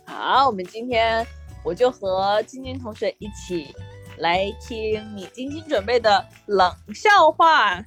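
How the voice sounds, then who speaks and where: A woman co-hosting a chat show, speaking casually and telling anecdotes in an animated way with quoted dialogue. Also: medium pitch, a little slow. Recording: music bed behind the voice.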